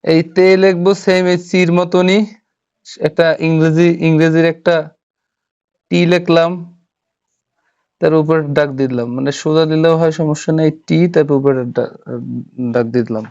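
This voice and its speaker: A man's voice: on the high side, steady tone, measured pace, long pauses, darkish tone. Man teaching Japanese letters, lo-fi sound. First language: Bengali. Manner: patient, repeats each stroke step by step. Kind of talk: classroom lesson. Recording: dull lo-fi sound.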